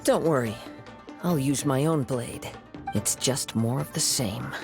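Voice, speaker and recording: An actor playing a gentle, composed young wandering swordsman in a video game, speaking in a measured, formal, soft-spoken way. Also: mid-range voice, creaky, music in the background.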